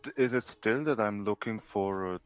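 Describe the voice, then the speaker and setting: A man on a voice call being coached through a game, speaking in a hesitant, halting way as he searches for words. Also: lowish voice, smooth, lo-fi sound. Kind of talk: casual voice chat.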